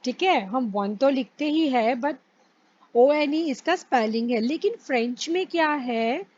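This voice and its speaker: A woman's voice: sits high, expressive, measured pace, darkish tone, muffled recording, a little hiss or hum. A woman teaching French pronunciation in a casual lesson, patient and spelling words out letter by letter.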